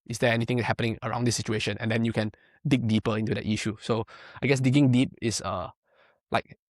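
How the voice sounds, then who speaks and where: The recording is dry with clean studio sound as a medium-pitched young man, a Malaysian powerlifting coach, talks casually in a podcast interview. He rambles, filling his sentences with "like" and tag questions such as "right?".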